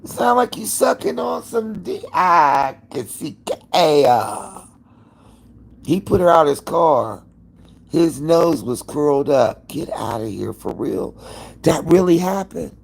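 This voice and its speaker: Gravelly, husky man gossiping on a livestream. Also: on the high side, slow pace, poor audio. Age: 50s. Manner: animated, profane gossiping with viewers. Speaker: livestream host. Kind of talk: casual live-stream chat. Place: at home.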